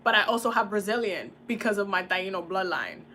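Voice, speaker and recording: Bright-voiced chatty woman from the Dominican Republic. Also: mid-range voice, animated, fairly quick. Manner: chatty, laughs often, casual slang. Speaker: tarot and oracle reader. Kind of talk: casual livestream chat.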